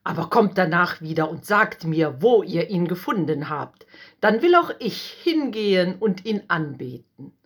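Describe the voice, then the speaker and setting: A woman voicing a frightened, scheming old king who commands and flatters with sly insistence. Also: deep voice, slow pace, husky, full character voice.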